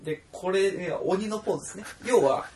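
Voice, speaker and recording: A young man co-hosting a casual podcast chat, animated and quick to laugh. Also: high-pitched. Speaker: podcast co-host.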